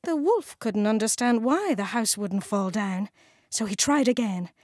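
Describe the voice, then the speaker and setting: Slow, gentle woman reading a kids' story. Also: mid-range voice, expressive, dry recording, clean studio sound. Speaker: audiobook narrator.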